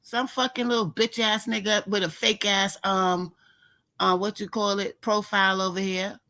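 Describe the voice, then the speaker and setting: A woman from New York chats on a livestream with a smoker's voice. It sits at a middling pitch but has a sharp, forceful edge. Her talk is blunt, slangy and full of profanity. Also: flat delivery, normal speed. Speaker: livestream co-host. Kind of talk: casual livestream chat.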